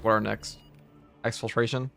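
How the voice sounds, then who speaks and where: A man's voice: fairly low pitch, moderate pace, gravelly. A man casually chatting through a game livestream, answering chat questions in a loose, rambling way with lots of "like" fillers, with game music playing behind him. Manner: relaxed, rambling, many "like" fillers. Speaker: game streamer. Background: game music and sound effects.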